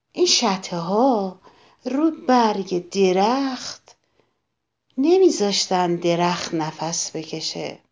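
A woman narrating a children's story, slow and sing-song, speaking directly to the children listening. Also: lowish voice.

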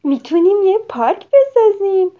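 A woman's voice: on the high side, very animated. A woman voicing an eager, generous little child who squeals with delight. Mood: playful. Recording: slightly dull lo-fi recording.

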